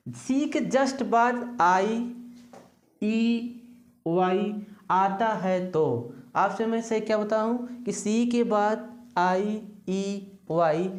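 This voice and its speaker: Woman teacher, mid-pitched, drills pupils with repeated questions, roomy echo. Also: darkish tone. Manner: repetitive question-and-answer drilling. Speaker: English teacher. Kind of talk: classroom lesson.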